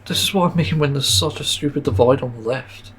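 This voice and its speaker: Male podcast host, solo rant, irritated and sweary, hoarse-ish throat, light background hiss. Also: mid-range voice, fairly quick, a bit bright. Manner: frustrated, swearing, many fillers and sighs. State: sore throat, mint in mouth.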